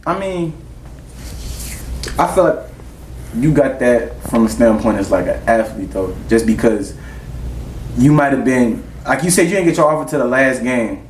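A man's voice: mid-range voice, expressive, moderate pace, pauses often. A man in his twenties from the United States in casual, slangy, profane group conversation. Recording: roomy, distant from mic, faint noise.

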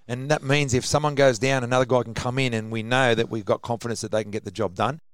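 A man's voice: mid-range voice, steady tone, fast talker, smooth, dry recording. An Australian man chatting casually about sport as a radio co-host.

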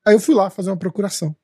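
A Brazilian man with a Brazilian Portuguese accent, hosting a studio talk show and telling a profane, animated story as he acts out the dialogue. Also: high-pitched, breathy edge, no room sound. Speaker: podcast host. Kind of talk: casual storytelling chat.

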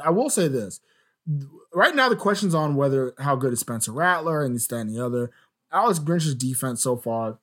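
A man co-hosting a casual sports podcast, animated and laughing often, with frequent "um"s. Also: mid-range voice. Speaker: podcast co-host.

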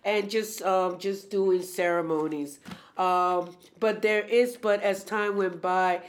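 This is a sixty-something woman from New York City, an artist being interviewed casually, pausing and groping for the right words. Her mid-range voice holds a steady tone over a faint hiss or hum.

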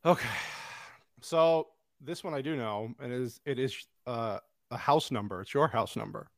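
A man's voice: medium pitch, creaky, no echo, clean studio sound. A man with an Italian Brooklyn accent, chatting casually and playfully as a guest on a comedy podcast. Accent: Italian Brooklyn New York. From Brooklyn, New York. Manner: animated, playful, quick to play along.

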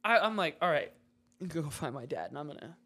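A young man telling a story on a casual podcast, his pitch swinging high and low as he acts out the people in it. He jumps into loud quoted lines and keeps talking through his own laughter. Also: fairly quick. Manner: animated storyteller, acts out voices and shouts in quotes. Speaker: podcast co-host. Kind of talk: casual chat.

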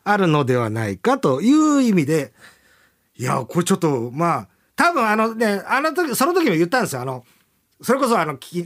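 Animated chatty male radio host. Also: a little high. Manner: lively, rambling, laughing between lines. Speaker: radio after-talk host. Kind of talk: casual chat.

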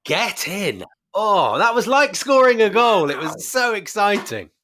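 A man competing on a football quiz, excitable and laughing often. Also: high voice, a little slow, crowd noise. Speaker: quiz contestant. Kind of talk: casual banter.

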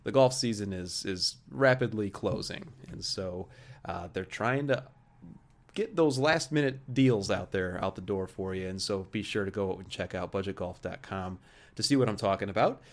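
A Midwestern American man in his thirties hosts a golf podcast, his voice fairly low and his speed normal. Chatting casually in an office huddle room, he fills the time with frequent fillers and restarts while moving between interview talk and sponsor reads.

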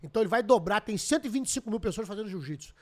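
Fast, high-voiced Brazilian man telling stories. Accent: Brazilian Portuguese. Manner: animated, swearing, laughing storyteller. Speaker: podcast guest. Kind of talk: casual storytelling chat.

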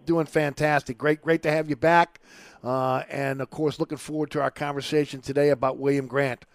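A man's voice: medium pitch, level tone, moderate pace, dry recording. A man hosting a radio show, moving between sponsor reads and casual interview talk.

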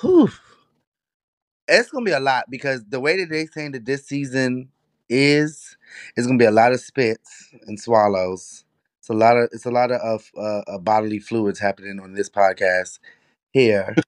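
Sassy guy chatting on a podcast, medium pitch, sweary and emphatic, super dry audio. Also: normal speed, no room sound. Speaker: podcast co-host. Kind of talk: casual chat.

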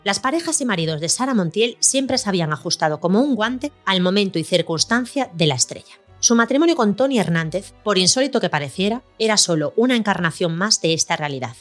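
A woman hosting a podcast, reading a scripted documentary narration in a measured storytelling way. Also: mid-range voice, animated. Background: faint music.

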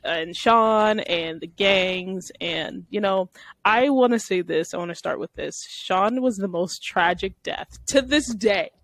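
A woman's voice: medium pitch, a little slow. A woman hosting a casual podcast, recapping episodes, often laughing and restarting her phrases. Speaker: podcast host.

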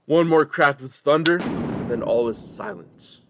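A man narrating a tabletop role-playing game as game master, telling the scene dramatically with pauses between phrases. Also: fairly high pitch, animated, noisy background.

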